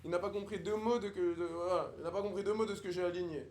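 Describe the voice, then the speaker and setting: Putting on a snooty posh persona, a young livestreamer on a video chat app mocks strangers in stilted formal speech during improvised character roleplay. He talks fast with a high-pitched, steady, darkish voice close to his everyday one.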